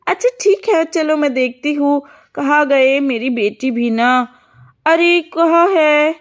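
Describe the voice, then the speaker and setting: A woman's voice: high voice, slow. A woman voicing a desperate young mother who begs tearfully for her baby in a children's cartoon. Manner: tearful, imploring. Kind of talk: cartoon voice acting.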